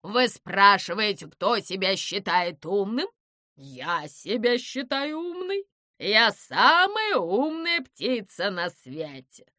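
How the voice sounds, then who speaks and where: A woman's voice: medium pitch, sing-song, sharp tone, no echo, clean studio sound, heavily acted. A woman reading a storybook aloud, voicing a haughty female owl who thinks herself the smartest bird alive. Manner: slow, haughty, grumbling. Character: haughty grumbling female owl, self-proclaimed writer.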